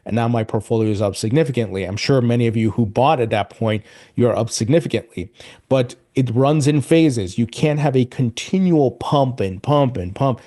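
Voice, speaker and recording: Upbeat mellow-voiced man hosting crypto news. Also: mid-range voice, moderate pace. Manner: upbeat, keeps addressing viewers as "guys". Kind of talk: casual commentary to camera.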